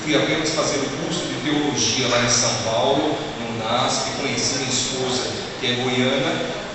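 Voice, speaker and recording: A Brazilian pastor in his thirties from Maceió, with an Alagoas accent in Brazilian Portuguese, preaches earnestly and directly to his congregation in a church sanctuary. His mid-range voice holds a steady tone at normal speed. The echoey hall recording, made far from the mic, has background noise.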